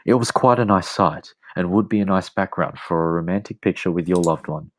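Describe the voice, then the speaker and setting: A man reading a romantic story aloud as a podcast host, in a calm, measured way. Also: sits low, poor audio.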